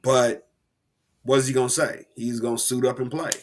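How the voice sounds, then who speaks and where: A man co-hosting a casual sports podcast, animated and rambling, with slang and frequent restarts. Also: medium pitch, moderate pace. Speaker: podcast co-host.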